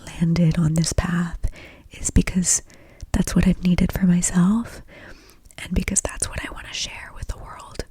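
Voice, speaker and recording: A woman speaking in a soft, breathy ASMR whisper, gently confiding in a casual, meandering stream of thought. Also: on the low side, level tone, a little slow. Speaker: host of an ASMR podcast.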